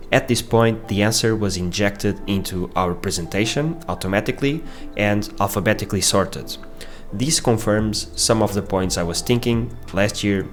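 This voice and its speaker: Deep-voiced Portuguese man narrating. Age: 30s. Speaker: vlogger. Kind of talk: scripted narration.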